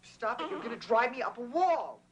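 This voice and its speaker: An overwhelmed boy father in a 1980s TV drama. His voice leaps up and down as he pleads and frets, close to tears. The old broadcast audio carries a steady hiss of noise. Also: very high voice, moderate pace, highs cut off. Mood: frantic. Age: teens. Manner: pleading, then frantic and near tears with a crying baby. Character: overwhelmed teenage boy, new young father. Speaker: teenage son and young father.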